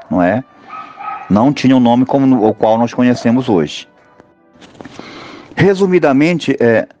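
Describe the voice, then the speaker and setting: A Brazilian man teaching an online music seminar, talking in a halting way with many fillers and tag questions. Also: medium pitch, a little mellow, highs cut off. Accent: Brazilian Portuguese.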